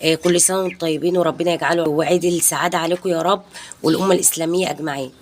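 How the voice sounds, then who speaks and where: An Egyptian-accented woman in her thirties talks quickly in a casual home vlog, with a slightly low voice. She rambles warmly from one thing to the next and sprinkles her chat with religious blessings. Faint noise sits under her voice. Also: steady tone. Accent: Egyptian Arabic. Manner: chatty and rambling, peppered with pious blessings. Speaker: home vlogger and mother. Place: home balcony.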